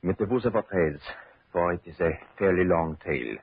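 An actor playing a genial French gentleman with a French accent, speaking in a courteous, measured way in an old radio drama. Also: deep voice, creaky, noisy background. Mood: storytelling. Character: genial middle-aged French mayor's son, storyteller. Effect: old radio show. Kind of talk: 1940s radio drama acting. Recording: thin, phone-like old radio broadcast.

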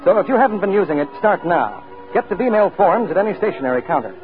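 A man's voice: high voice, very animated, fast talker. Male announcer for an old radio show, formal and polished, thin lo-fi broadcast sound with faint music under it. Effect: old-time radio broadcast sound.

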